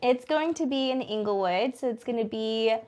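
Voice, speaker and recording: A slightly high, smooth voice with a darkish tone moves at a moderate pace as this woman guests on an interview in a small studio. In her thirties and American, she was born in the Philippines and raised in Denver from eight, co-owns a small business, and speaks chattily and informally, often saying "like."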